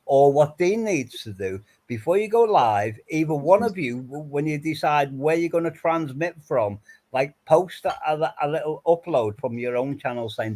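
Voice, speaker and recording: A man's voice: fairly high pitch, darkish tone. A man in a casual group chat, giving advice and often stammering and repeating his words.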